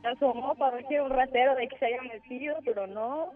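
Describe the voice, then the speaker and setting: A woman caller with a Mexican accent tells a ghost story in halting bursts with filler words and imitated sounds. Her voice is high and comes through a thin, tinny phone line. Faint music plays under the call. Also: fairly even intonation.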